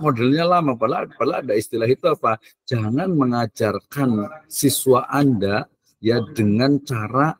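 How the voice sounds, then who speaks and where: A man's voice: mid-range voice, dry recording. A male university lecturer giving a casual, joking lecture, with chatty filler tags and English phrases mixed in.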